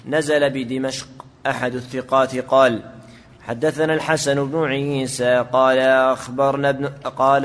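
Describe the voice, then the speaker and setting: A man reads hadith chains aloud in a steady, measured recitation. His pitch stays flat and even. A long hall reverb trails each phrase. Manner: steady measured reading, invokes blessings on the teacher. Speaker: student reading the text aloud.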